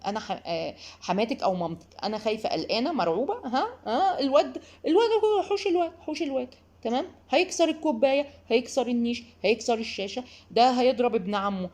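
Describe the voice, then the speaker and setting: A woman's voice: animated, fast, darkish tone, natural voice. A woman with an Egyptian accent voicing a panicky older woman who fusses and repeats her warnings in alarm. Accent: Egyptian Arabic. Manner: shrill, alarmed, repeating herself. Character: panicky fussing older woman, grandmother type.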